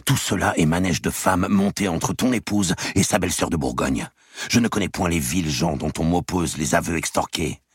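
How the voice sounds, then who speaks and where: Stubborn proud nobleman, put on by a narrator, raised voice, husky, gravelly, very deep. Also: sing-song, brisk, no room sound, clean studio sound, heavily acted. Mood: angry. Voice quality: creaky husky low voice, raised and forceful. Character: stubborn proud medieval nobleman, defiant and loud.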